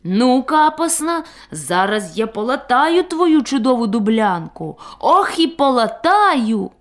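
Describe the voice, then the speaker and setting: A woman voicing an eager, boastful male puppy who tracks footprints in a storybook tale, excited and commanding. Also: high voice, slow, voice pushed up, heavily acted.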